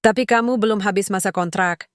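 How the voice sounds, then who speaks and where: A woman voicing a proud woman company CEO who talks in a sharp, challenging way. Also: mid-range voice, fairly quick, no echo, studio quality, natural voice. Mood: reproachful.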